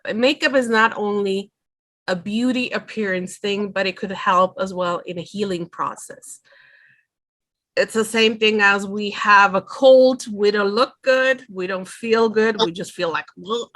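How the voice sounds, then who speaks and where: Bright-voiced woman teaching makeup. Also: mid-range voice. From Switzerland. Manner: earnest, explaining step by step. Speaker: makeup artist. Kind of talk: webinar talk.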